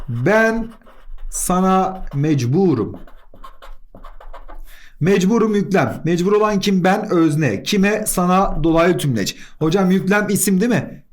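A man teaching an exam-prep grammar lesson. He quizzes himself in quick question-and-answer steps and drops playful asides. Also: high-pitched.

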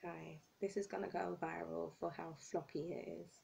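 A woman's voice: fairly low pitch, flat delivery, normal speed, creaky, darkish tone, a little hiss or hum, rough recording. A young woman chatting casually in a vlog, self-mocking and flustered. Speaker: vlogger.

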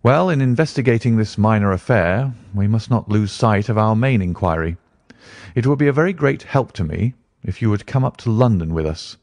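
A man voicing a sharp, commanding male detective who speaks briskly and insistently. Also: fairly low pitch, lively intonation, no echo.

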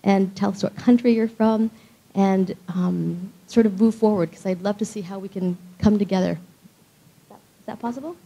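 A woman's voice: medium pitch, normal speed, creaky, dark tone, slightly rough. A woman delivering a conference keynote speech with a handheld microphone in a large hall, telling a story earnestly. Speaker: keynote speaker.

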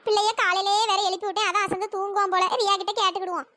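A woman's voice: little pitch movement, rapid-fire, bright, forceful tone. A woman voicing a scolding, wailing old grandmother with an in a cartoon. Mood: worried. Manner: shrieking, scolding, melodramatic wailing. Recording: high pitch-shifted cartoon voice with background noise.

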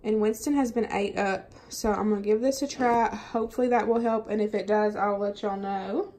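A woman's voice: medium pitch, fairly even intonation, moderate pace, dark tone, a little hiss or hum. A Southern American woman chatting casually through a grocery haul at her kitchen table, saying lots of "um" and "y'all". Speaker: vlogger. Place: home kitchen table, indoors.

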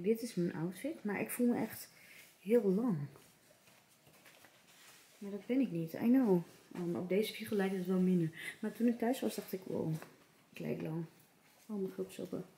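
A woman's voice: medium pitch, mellow, slight background noise. A young woman chatting casually in a vlog from her office, telling a story with lots of fillers and sometimes dropping to a whisper. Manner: chatty, many fillers, drops to whispers at times. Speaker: vlogger.

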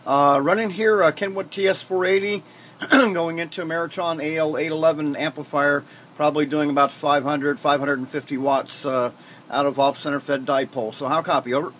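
A man with a slightly high voice makes a casual ham radio contact. He pauses and repeats phrases for clarity, with faint noise around him in an indoor radio room. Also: steady tone, a bit bright. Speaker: amateur radio operator. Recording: faint room noise, amateur camera audio.

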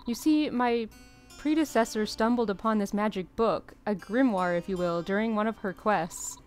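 A woman voicing a calm, solemn cult leader in a measured, formal manner from game dialogue. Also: mid-range voice, close to an everyday voice. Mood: solemn, composed. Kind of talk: reading game dialogue in character. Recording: music behind the voice.

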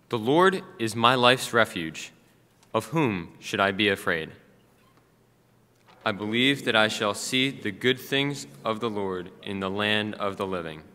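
A young man recites a psalm as lector, in a careful, measured way, through a podium microphone. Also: lowish voice, pushed and bright. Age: young adult. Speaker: student lector leading responsorial psalm. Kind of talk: liturgical psalm reading. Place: stage of a school auditorium. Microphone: podium gooseneck microphone. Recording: long reverb of a large hall.

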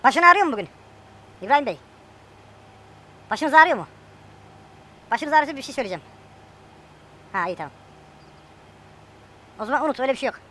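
A woman's voice: sits high, animated, a little fast, long pauses, bright, forceful tone, slight background noise. A woman chatting casually and joking with a friend while playing a farming game. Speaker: gameplay streamer.

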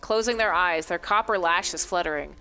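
A woman streamer reading a story game aloud, breaking off into animated, crude jokes. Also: fairly low pitch, moderate pace, soft background music.

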